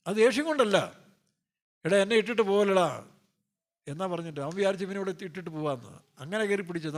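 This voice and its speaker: A male pastor with a high-sitting voice preaches a loose, joking sermon. He fires off rhetorical questions and playfully acts out characters from scripture.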